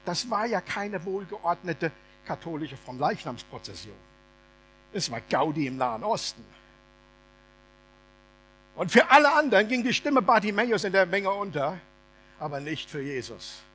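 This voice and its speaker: A male preacher giving a sermon as a lively, humorous, colloquial story. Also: sits high, moderate pace, pauses often, slight background noise.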